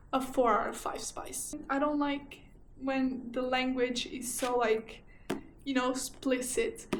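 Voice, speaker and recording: Chatty high-voiced Portuguese woman. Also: a little hiss or hum. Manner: chatty and animated, repeats herself for emphasis. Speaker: book vlogger. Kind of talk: casual chat. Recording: echoey room with faint ambience.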